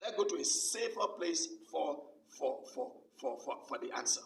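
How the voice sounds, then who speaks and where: Man, pastor, sermon, bright gravelly voice, roomy distant sound. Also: on the high side, big pitch swings, moderate pace, a little hiss or hum. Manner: emphatic, repeats key phrases many times.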